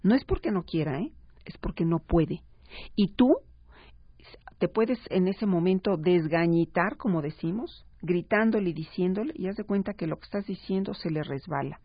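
A woman, a parenting expert speaking as a guest on a radio talk show, explaining calmly and acting out parents and children. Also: lowish voice, moderate pace, husky, dry recording. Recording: slightly dull radio broadcast sound.

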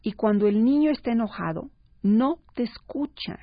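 A woman, a parenting expert speaking as a guest on a radio talk show, explaining calmly and acting out parents and children. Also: fairly high pitch, moderate pace, no echo. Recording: slightly dull radio broadcast sound.

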